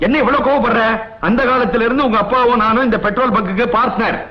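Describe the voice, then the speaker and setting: An actor playing a genial older uncle and business partner, chatty and humorous, in film dialogue. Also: male voice, very high-pitched, fast, sharp tone, poor audio. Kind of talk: 1980s Tamil film dialogue.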